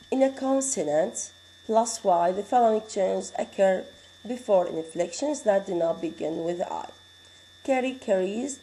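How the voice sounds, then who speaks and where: A woman with an Arabic accent teaching English spelling rules, explaining slowly and repeating each example word. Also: medium pitch, warm tone, slight background noise, poor audio. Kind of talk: classroom lecture.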